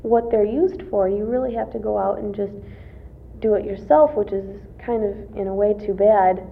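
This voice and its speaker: A hesitant college student in her twenties gives casual interview answers, full of fillers and restarts. Her gravelly voice is medium-pitched at normal speed, captured in a tinny, phone-like lo-fi recording with slight background noise.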